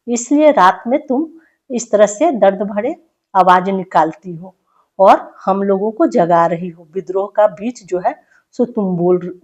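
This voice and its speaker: A woman's voice: mid-range voice, a little mellow. Woman, teacher, poetry lesson, emphatic recitation then loose explanation, slightly muffled recording.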